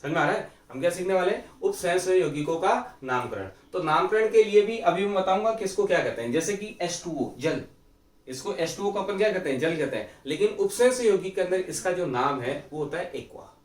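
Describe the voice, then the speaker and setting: A man teaching chemistry in a fairly high voice, posing questions and answering them himself and repeating each key term. The room rings with echo and the mic sits some way off from him. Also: animated, a little fast. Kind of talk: classroom lecture. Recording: echoey room, mic far off.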